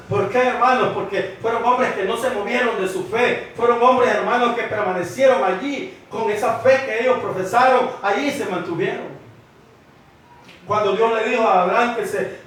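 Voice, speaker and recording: A man's voice: high-pitched, a bit bright, a little hiss or hum. A man preaching a sermon in a church, repeatedly calling out "brothers" and questioning the congregation. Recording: echoey hall from far off.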